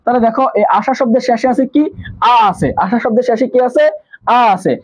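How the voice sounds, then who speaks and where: Teaching nursing admission material in a live online class, this man asks his students questions and then answers them himself while going over the key terms again. He has a very high voice that is brisk, a little mellow, and edged with breathiness. The audio is poor.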